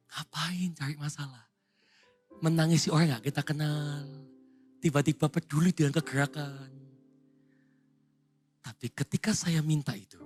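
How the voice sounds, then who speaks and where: A young man preaching a youth sermon, sharing his own testimony, swinging from loud exhortation to hushed confession. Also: fairly high pitch. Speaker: pastor. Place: church hall with live music.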